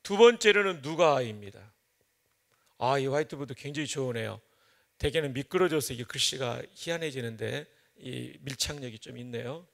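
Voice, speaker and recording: A man's voice: mid-range voice, animated, normal speed, gravelly, a bit bright. A man from Chungcheong preaching an early-morning revival sermon in a church, mixing folksy jokes with emphatic teaching. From Chungcheong, Korea. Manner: folksy joking storyteller, then emphatic preaching. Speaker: pastor.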